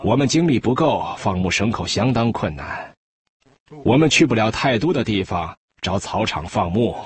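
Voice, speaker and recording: A man's voice: on the low side, very animated, normal speed, slightly rough. A man giving first-person testimony in a documentary, speaking as a herder.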